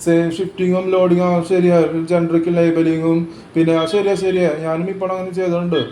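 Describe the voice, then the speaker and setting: Rambling man, quick and high-pitched, casual talk, echoey room with faint hiss. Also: monotone, dark tone. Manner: rambling, repetitive, hesitant restarts. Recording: roomy echo with faint ambient noise.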